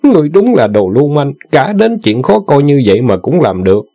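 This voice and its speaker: A man voicing a sharp-tongued young woman warrior who scolds and gives orders, in an audiobook. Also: medium pitch, big pitch swings, normal speed, creaky, breathy edge, voice pushed up, full character voice. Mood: stern. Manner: scolding, commanding. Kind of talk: audiobook character voice.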